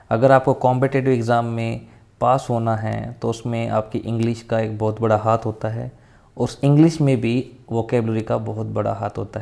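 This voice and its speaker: A man's voice: medium pitch, creaky, mellow. A man teaching English vocabulary in Hindi. He repeats each new word several times and often checks in with "theek hai". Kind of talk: Hindi vocabulary lesson with memory tricks.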